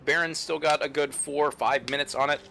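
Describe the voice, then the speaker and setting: Bright-voiced analytical male game caster. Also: fairly high pitch, fairly even intonation, a little fast, creaky, slight background noise, poor audio. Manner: analytical and joking, talks through builds and timers. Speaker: esports caster. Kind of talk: color commentary on a game.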